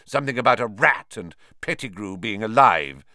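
A man's voice: fairly low pitch, animated, normal speed, fairly bright tone, dry recording, clean studio sound. A man voicing a cold, spiteful male professor, sneering and menacing.

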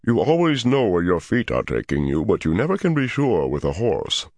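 A man doing a rumbling bookish Ogier giant. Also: huge pitch swings, normal speed, darkish tone, no echo, full character voice. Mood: earnest. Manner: earnest, flustered. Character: huge gentle male Ogier, bookish and excitable. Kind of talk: audiobook character voice.

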